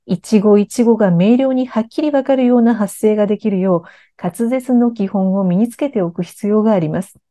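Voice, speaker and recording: Woman, speech coach, scripted lesson narration, clear and even delivery, warm tone. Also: mid-range voice, normal speed, hardly any pauses. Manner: clear, even-paced explanation.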